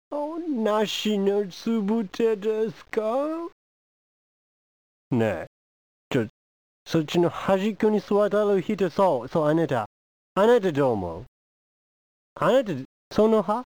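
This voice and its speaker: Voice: mid-range voice, no room sound. A comedian performing a pushy, teasing foreign envoy who badgers the audience with questions in a comic monologue. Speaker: stand-up comedian.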